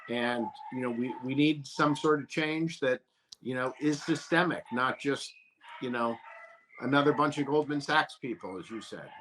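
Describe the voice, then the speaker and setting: A male author answers interview questions in a measured, hesitant way. He often repeats a word before finishing a thought, and his voice sits at a middle pitch. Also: fairly bright tone, a little hiss or hum. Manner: measured, hesitant, many fillers. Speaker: author guest.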